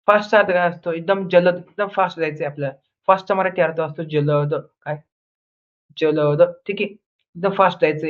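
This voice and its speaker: A young man teaching an English grammar lesson, drilling word pairs with repeated questions and answers and a constant "okay". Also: fairly high pitch. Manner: says "ठीक आहे" constantly. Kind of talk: online lesson in Marathi. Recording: tinny phone-like audio.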